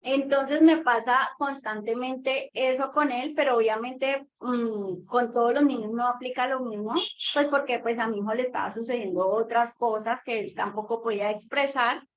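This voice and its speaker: A woman's voice: fairly high pitch, fairly even intonation, moderate pace. Hesitant mother telling a story. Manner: hesitant, many fillers, acts out voices in her story. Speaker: mother asking a question. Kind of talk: casual storytelling. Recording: dull lo-fi audio with faint noise.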